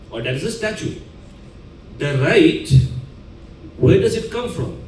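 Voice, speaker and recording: A man's voice: mid-range voice, mellow, slight background noise. A man teaching a class, explaining ideas step by step and checking in with the students as he goes. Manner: asks the class questions, checks understanding with "right?". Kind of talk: classroom lecture. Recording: echoey classroom recorded from far off.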